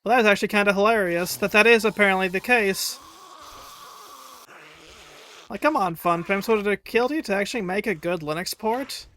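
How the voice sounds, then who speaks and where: A man's voice: high voice, fast, a bit bright, a little hiss or hum. A man casually commenting on his own gameplay during a live stream, chatty and wry, taunting enemies as he plays. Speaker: game streamer.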